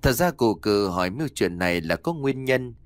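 Deep-voiced man narrating a ghost story. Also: expressive, moderate pace, no echo. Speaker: audiobook narrator.

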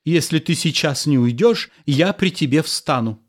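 A man reading the part of an angry, unfaithful young wife in an audiobook, scolding and sharp. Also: a little high, expressive, moderate pace.

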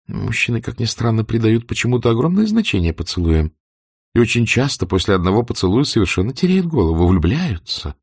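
A man narrating an audiobook in a measured, expressive storytelling manner. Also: deep voice, slightly rough, no echo, clean studio sound.

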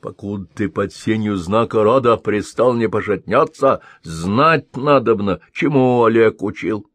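A stern old sage grumbles and scolds, voiced by a man reading aloud. He speaks slowly in a lowish voice, weighty and impatient. The sound is close and dry, with no room around it. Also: fairly bright tone, dry recording. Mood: scolding.

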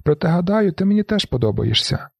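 A man voicing a desperate young woman who shouts and pleads, in an audiobook reading. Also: high voice, big pitch swings, fairly quick, creaky, slightly rough, dry recording, studio quality, pitched above the performer's own voice, heavily acted. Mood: pleading shouts. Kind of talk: audiobook character voice.

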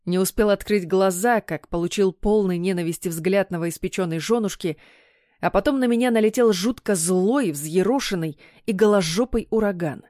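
A woman reading a romance audiobook in measured first-person narration. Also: medium pitch, mellow, dry recording, clean studio sound.

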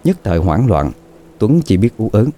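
Deep dark guy reading a horror story, lots of rise and fall, draggy spooky pacing. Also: very animated. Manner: slow, dramatic, suspenseful. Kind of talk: scripted horror story narration.

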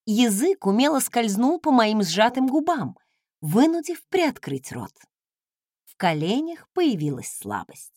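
A woman narrating an audiobook in the first person, her fairly high voice swinging widely in melody. She tells the story with expressive, wry irony. The recording is dry and close, with no trace of a room. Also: no echo.

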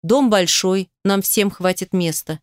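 A woman reading an audiobook voices a domineering young man who speaks calmly, firmly and with reproach. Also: measured pace, no room sound, studio quality, natural voice. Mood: insistent. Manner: firm, reproachful, low-key.

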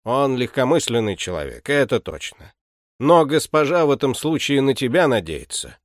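A stern, weary household butler as the man reading the story puts him on, low and curt. His lines rise and fall with lively emphasis, in a dry audiobook sound. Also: moderate pace, no echo, natural voice. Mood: gruff. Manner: gruff, curt, lowered voice.

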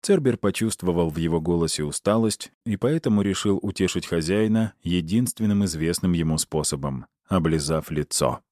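A man narrating an audiobook in a lively storytelling manner. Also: low voice, normal speed, few pauses, dry recording, studio quality.

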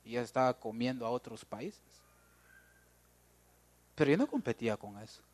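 Lively Guatemalan preacher man. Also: medium pitch, moderate pace. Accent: Guatemalan Spanish. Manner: lively, joking, talks straight to the congregation. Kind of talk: sermon. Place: church.

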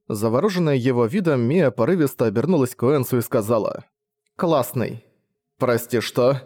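A man narrating an audiobook in a steady, measured reading. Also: mid-range voice, no echo.

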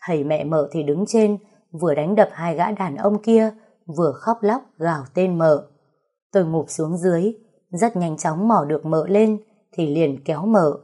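A woman narrating a first-person story in a slow, emotional, dramatic reading. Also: lowish voice, warm tone.

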